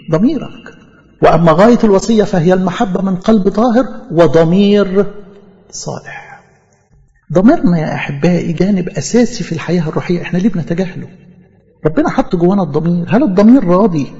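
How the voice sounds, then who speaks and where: A man's voice: a little high, creaky, dark tone. A man preaching a sermon in Egyptian Arabic, talking conversationally and acting out imagined speakers in church. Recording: muffled audio with long hall reverb.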